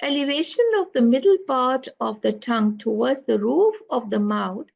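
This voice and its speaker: A woman teaching Quran pronunciation, speaking slowly and repeating sounds to demonstrate them. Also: fairly high pitch, lively intonation, creaky. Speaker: tajweed teacher. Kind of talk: online lesson. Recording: dull lo-fi recording.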